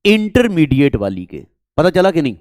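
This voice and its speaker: A Kashmiri-accented maths teacher from Jammu and Kashmir, India, delivers a classroom lecture, repetitively quizzing and coaxing his viewers. He sounds very animated at normal speed, with a fairly high, darkish voice and no echo.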